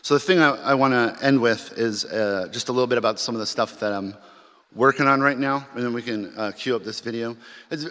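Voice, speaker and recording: Speaking briskly at medium pitch with a fairly bright tone, a man relates a personal story to symposium listeners in a conversational way, often restarting and using fillers. The large chapel gives the recording a long hall reverb.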